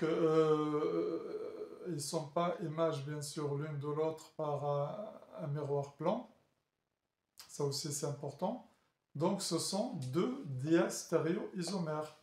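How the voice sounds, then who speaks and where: Slow, halting man lecturing in an echoey room. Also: fairly high pitch, darkish tone. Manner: halting, with many fillers and restarts, checking in with the class. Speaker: chemistry teacher. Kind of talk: classroom lecture at a board.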